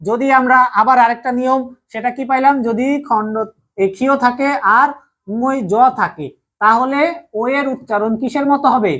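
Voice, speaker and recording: A man's voice: extremely high pitch, moderate pace, a bit bright. A young man with a Bangladeshi Bengali accent teaching an online grammar class, repeating each point and checking over and over whether everyone has understood. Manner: repetitive, drilling, keeps asking if all is clear.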